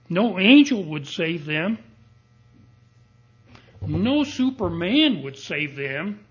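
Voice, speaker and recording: A man preaches at a pulpit microphone in a church. His voice sits somewhat high and sounds husky, and he speaks slowly and deliberately, pressing each point with emphasis. The recording is dull and muffled. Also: fairly bright tone. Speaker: pastor. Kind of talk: expository sermon. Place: church sanctuary.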